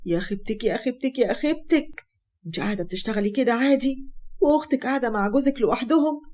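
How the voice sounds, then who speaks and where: A blunt, scolding coworker in an Egyptian storybook tale, as a woman narrator puts her on. She talks fast, in a fairly high voice, and gives her opinions sharply and bitterly. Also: lively intonation, a little mellow, a little hiss or hum, close to an everyday voice. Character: outspoken gossiping female coworker, bitter.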